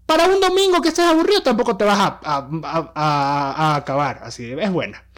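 A young man with a high, light voice. He co-hosts a casual podcast, talking in an animated way and often restarting mid-sentence. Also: fairly quick. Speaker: podcast co-host.

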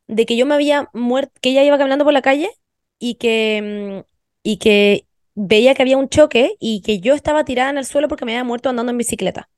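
A young adult woman with a Chilean accent hosting a podcast, telling stories in animated slangy casual chat with plenty of swearing. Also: high-pitched, no room sound, studio quality. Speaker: podcast host.

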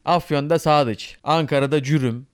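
A man's voice: on the high side, normal speed, clear, resonant tone, no echo, studio quality. A young man co-hosting a casual podcast chat, telling stories with a joking tone and swearing freely. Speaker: podcast co-host.

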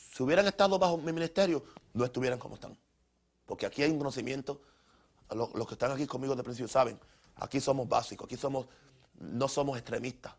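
A middle-aged man preaching a sermon as a pastor, emphatic, repeating his phrases and restarting often. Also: medium pitch.

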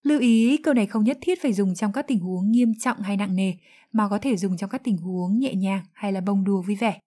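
A woman whose first language is Vietnamese, explaining English phrases in a lesson with calm, careful pronunciation. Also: mid-range voice, brisk. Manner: calm, clear, careful enunciation of English examples. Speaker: English teacher.

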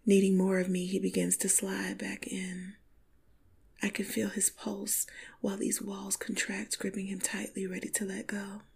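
A woman narrating an intimate first-person story in a slow, sultry, breathy half-whisper. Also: medium pitch, monotone, darkish tone. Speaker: podcast storyteller.

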